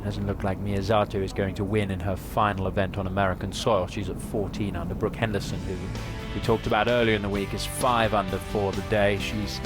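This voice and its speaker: A man hosting television golf commentary in a polished, measured broadcast delivery. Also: lowish voice, little pitch movement, music in the background. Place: commentary booth at golf course.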